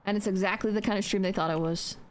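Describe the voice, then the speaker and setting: A woman's voice: mid-range voice, steady tone, fast talker. A young adult woman streamer chatting casually while building in a game, joking, swearing freely and talking to herself.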